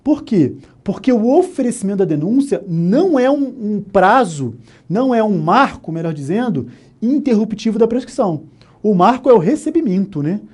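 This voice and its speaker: Mellow-voiced Brazilian law lecturer. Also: male voice, high voice, big pitch swings, moderate pace, husky. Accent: Brazilian Portuguese. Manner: explains step by step, often asking "né?", "ok?", "tá?". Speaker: law instructor. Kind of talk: exam-prep lecture. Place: online course studio.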